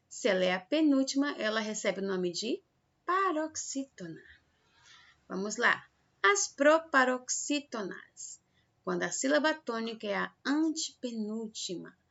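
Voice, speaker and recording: Slow, gravelly-voiced Brazilian woman teacher. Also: mid-range voice, fairly bright tone. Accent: Brazilian Portuguese. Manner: slow, patient and encouraging, stretching out example words. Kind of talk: classroom lesson for children. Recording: dull lo-fi recording.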